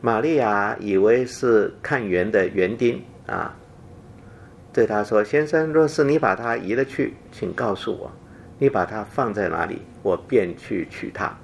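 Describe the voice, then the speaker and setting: A man preaching a Bible teaching sermon, talking haltingly with fillers and repeated phrases, and dropping softer to read the scripture quotes. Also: on the low side, vocal fry, slight background noise.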